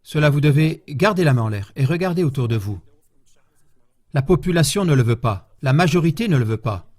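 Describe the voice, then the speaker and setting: A man giving a public lecture as a historian, speaking in a measured way and putting rhetorical questions to his audience. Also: on the high side, expressive, darkish tone.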